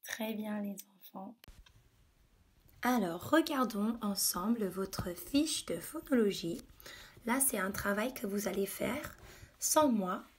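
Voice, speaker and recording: Slow, emphatic woman teacher. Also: mid-range voice, animated. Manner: slow, over-articulated, emphatic sounding out. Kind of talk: phonics lesson for young children.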